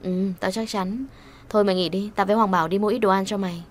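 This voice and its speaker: A woman's voice: medium pitch, fairly even intonation, quick pace, slight background noise, close to an everyday voice. A woman voicing a loyal young woman who firmly reassures her friend in an audio story. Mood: reassuring. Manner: soothing, firm reassurance.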